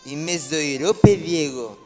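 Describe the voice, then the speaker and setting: A man's voice: fairly high pitch, darkish tone, close to an everyday voice. A man voicing cheeky little boys in a live shadow-puppet show, with a childish, sing-song way of talking back to their father. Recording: echoey hall, live show.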